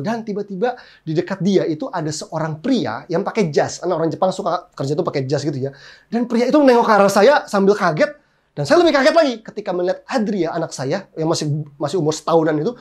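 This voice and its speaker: Fast-talking pastor telling stories. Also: male voice, high-pitched. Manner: lively, humorous storytelling with exclamations. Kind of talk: sermon with personal stories.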